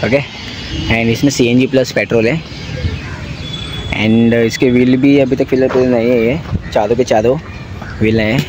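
A man's voice: mid-range voice, steady tone, moderate pace, pauses often. A young man, chatting casually to his camera as a vlogger, rambling with many fillers and repeats, filmed on a phone in a parked car. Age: young adult. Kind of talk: casual vlog talk to camera. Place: inside a parked small car, daytime. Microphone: phone camera at arm's length. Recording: noisy phone video in a car.

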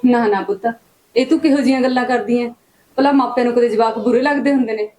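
Actress as sympathetic mother, somewhat high, warm. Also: steady tone, quick pace, lightly acted. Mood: consoling. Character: consoling mother doubting the match.

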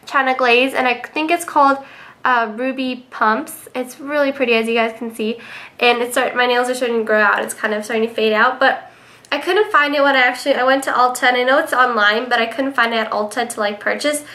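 A young adult beauty vlogger, sick and stuffy-nosed with a nasal voice, is still cheerful enough to chat through her favorite products on a webcam in her bedroom. Her bright tone sits a little high and stays steady, and she talks briskly and chattily, full of casual ums.

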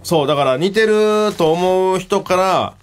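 A man with a Kansai accent co-hosting a casual late-night radio show from a studio mic, playful and expressive. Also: high voice, unhurried, a little hiss or hum. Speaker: radio co-host. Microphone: studio microphone.

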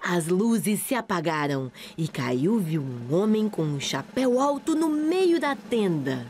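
A woman's voice: lowish voice, very animated, measured pace, a little mellow, slight background noise. A woman narrating a children's cartoon as a storyteller, reading scripted lines.

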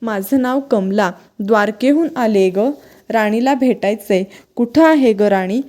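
A woman's voice: on the high side, measured pace, darkish tone, natural voice. A woman voicing a poor old beggar woman, a goddess in disguise, speaking in a scolding, reproachful way. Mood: weary.

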